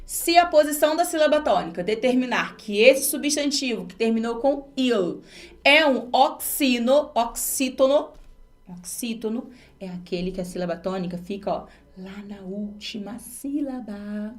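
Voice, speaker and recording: A woman's voice: fairly high pitch, animated, normal speed. A woman from Brazil teaching an exam-prep grammar lesson, explaining step by step and asking her students rhetorical questions.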